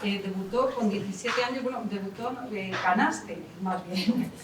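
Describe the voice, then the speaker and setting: An artistic director introduces a conference panel in a theatre hall, chatty and full of fillers and self-corrections. Her voice is medium in pitch at a moderate pace, recorded from far off in an echoey hall with background noise.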